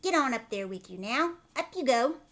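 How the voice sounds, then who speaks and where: A greedy older aunt in a children's storybook, played by a woman reading aloud. She is loud, demanding and full of scornful disbelief, with a lively, swinging pitch. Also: moderate pace. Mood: bossy, greedy.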